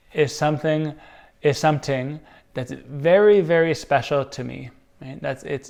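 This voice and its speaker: A man chatting casually and jokily as he thinks out loud in a guessing game, making up playful example sentences. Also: mid-range voice, vocal fry. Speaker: contestant guessing slang.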